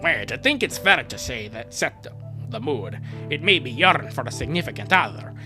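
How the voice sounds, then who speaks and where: This twenty-something streamer reads fan fiction aloud on a live stream, cracking jokes and frequently wandering off into asides. The voice sits at a medium pitch with big swings and a moderate pace. Music plays behind it.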